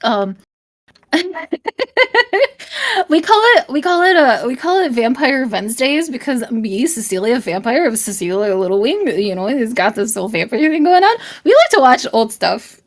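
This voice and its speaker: A young adult woman live-streaming, talking straight to her chat in a blunt, profane, rambling rant, at times shouting and often apologizing. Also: a little high, very animated, moderate pace, hardly any pauses. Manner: profane, blunt, swears constantly. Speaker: livestreamer.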